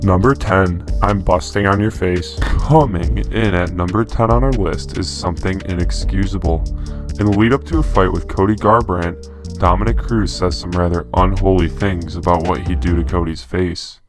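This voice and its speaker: A man's voice: deep voice, fairly even intonation, moderate pace. A man reading a scripted top ten countdown in a mock-serious, crude comic manner. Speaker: video narrator. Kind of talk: scripted narration. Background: background music.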